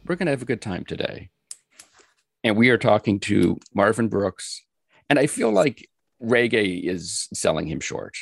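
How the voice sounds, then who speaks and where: Deep gravelly male podcast host. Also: big pitch swings, moderate pace, dry recording. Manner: joking, playful. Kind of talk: casual podcast chat.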